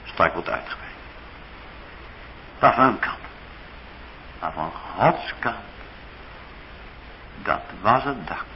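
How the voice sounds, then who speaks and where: A man's voice: lowish voice, expressive, takes it slowly, pauses often, muffled recording, slight background noise. A man with a Dutch accent preaching a sermon in a church, acting out the biblical figures' speech dramatically. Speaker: pastor.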